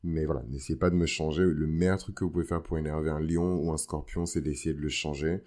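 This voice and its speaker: A man's voice: a bass voice, little pitch movement, fast talker, darkish tone. A man hosting an astrology podcast as a casual, informal monologue, dropping bits of English slang into his talk. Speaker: podcast host.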